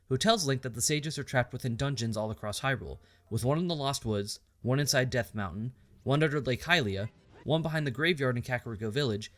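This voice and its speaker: A man's voice: medium pitch, a bit bright. A man narrating a scripted game story recap with sarcastic, crude asides. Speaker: game reviewer.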